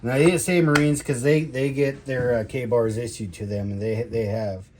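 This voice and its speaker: A man giving a casual, rambling gear review in a halting way, drawing out his words and trailing off. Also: medium pitch, fairly even intonation, noisy background. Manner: halting, drawn-out delivery with trailing phrases. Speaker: product reviewer, military veteran.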